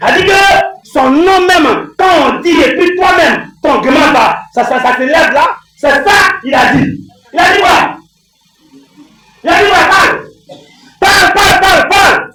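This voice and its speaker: A man preaching a call-and-response sermon, shouting with emphasis, repeating phrases and quizzing the congregation. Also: extremely high pitch, expressive, a little slow. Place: church service with congregation. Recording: echoey hall, far-off mic, crowd.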